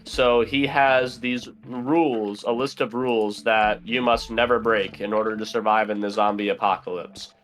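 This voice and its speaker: A man's voice: fairly low pitch, steady tone, moderate pace, hardly any pauses, fairly bright tone, soft background music. A young man, a podcast guest, chatting casually and rambling with lots of fillers while playing a game. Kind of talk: casual chat while gaming.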